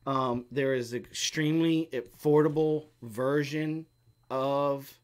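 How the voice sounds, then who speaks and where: On a homestead live stream, a middle-aged co-host talks slowly in a clear, resonant mid-range voice with fairly even intonation. His chatting and question-answering is rambling and explanatory, with many fillers.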